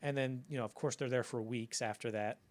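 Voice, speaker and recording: A man co-hosting a casual film podcast, telling behind-the-scenes stories with animated asides and casual swearing. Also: mid-range voice, fairly quick. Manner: animated storyteller, acts out quotes, swears casually. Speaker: podcast co-host.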